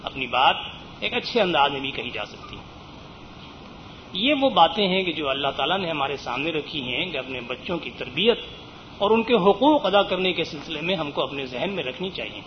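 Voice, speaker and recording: An earnest male preacher explains his teaching at length, lifting his voice to stress key points. His voice sits a little high for a man. The recording is dull and lo-fi, with a faint hiss underneath. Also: expressive. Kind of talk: religious lecture on raising children.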